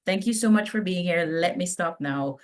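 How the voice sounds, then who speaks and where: A woman's voice: fairly low pitch, normal speed. A middle-aged woman with a Jamaican accent, hosting an online conference, reading speaker bios with jokes and asides. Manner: jokey, chatty, reads bios aloud. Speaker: conference host.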